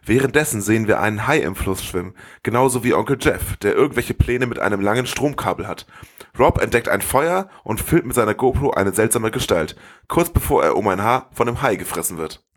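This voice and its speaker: A man's voice: fairly low pitch, expressive, a little fast. A man narrating a film recap in a wry, sarcastic way. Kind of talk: scripted narration.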